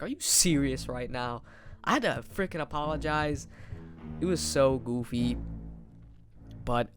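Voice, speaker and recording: A man's voice: medium pitch, gravelly, a bit bright. Young guy rambling a storytime. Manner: rambling, slangy, lots of "like" and "bro". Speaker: vlogger. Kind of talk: casual storytime monologue.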